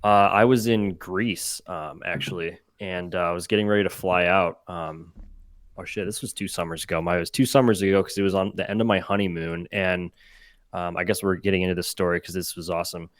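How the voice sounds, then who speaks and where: Deep-voiced young man telling stories. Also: brisk, no room sound. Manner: animated, acts out quotes in his stories. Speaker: podcast guest. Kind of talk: casual storytelling.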